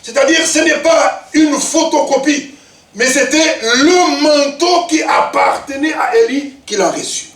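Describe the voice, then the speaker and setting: A man in his fifties preaching a sermon, swinging between loud shouts and low, emphatic asides. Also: unhurried. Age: 50s. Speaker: pastor. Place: church. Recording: echoey church hall, mic at a distance.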